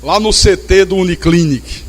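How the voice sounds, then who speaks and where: A male pastor preaching a sermon in church, reading scripture slowly and drawn out, then telling anecdotes quickly. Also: high-pitched. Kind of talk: sermon with storytelling. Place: church service.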